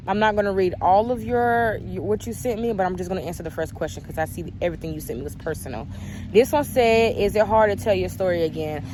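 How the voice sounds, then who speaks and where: A woman's voice: fairly low pitch, noisy background. A young woman answering viewer questions in a candid, chatty story-time vlog. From United States.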